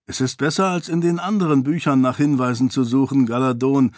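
A man voicing an eager, clever young prince who speaks with lively excitement. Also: medium pitch, brisk, dry recording, clean studio sound, close to an everyday voice. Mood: wry.

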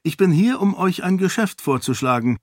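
A man's voice: sits high, animated, moderate pace, dry recording, clean studio sound, voice pushed up. A man voicing a self-assured young princess who speaks frankly and cuttingly in a storybook reading. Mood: cool.

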